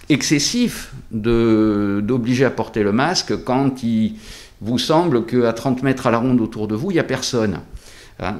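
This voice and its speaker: A man speaking through a face mask as a doctor in an interview, explaining things deliberately with hesitant pauses. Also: mid-range voice, a little mellow. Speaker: doctor at a local practice being interviewed.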